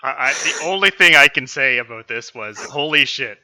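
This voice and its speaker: A man co-hosting a podcast, teasing and quick with a dry remark. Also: mid-range voice, expressive, sharp tone, dry recording. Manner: quick, teasing, laughs easily. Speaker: podcast co-host. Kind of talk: casual podcast banter.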